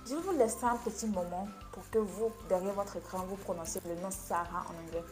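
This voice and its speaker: A woman's voice: medium pitch, fairly quick, faint music behind. A woman, teaching names as an English coach in a video lesson, with a playful, teasing manner. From Côte d'Ivoire.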